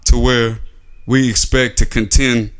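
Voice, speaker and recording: A man with a drawl talks straight to his audience in a loose, unscripted rant. His voice sits at an ordinary middle pitch, and he leans on sarcasm and rhetorical questions. He pads his lines with plenty of "uh"s as he thinks aloud. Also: level tone, a little slow. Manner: sarcastic, rhetorical, filler-heavy. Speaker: sports commentary vlogger. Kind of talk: casual opinion monologue.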